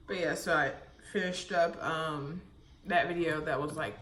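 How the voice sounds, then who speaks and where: A woman's voice: low voice, steady tone, takes it slowly, a bit bright. A young woman vlogging in a casual, rambling way, out of breath and full of fillers. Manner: rambling, chatty, lots of fillers. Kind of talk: casual vlog chat. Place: parked car; home kitchen.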